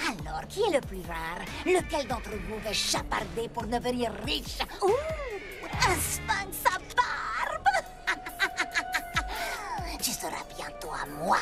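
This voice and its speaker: A woman's voice: fairly high pitch, huge pitch swings, unhurried, full character voice. A woman voicing a theatrical female cat-thief villain in a French cartoon dub, gloating with mock-sweet taunts and cackles. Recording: cartoon soundtrack with loud music.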